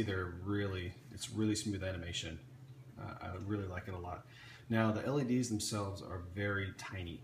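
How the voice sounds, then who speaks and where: A man casually showing off an electronics kit he built, talking off the cuff with frequent restarts and fillers. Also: low-pitched. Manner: rambling, many restarts and fillers. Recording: echoey room with faint ambient noise.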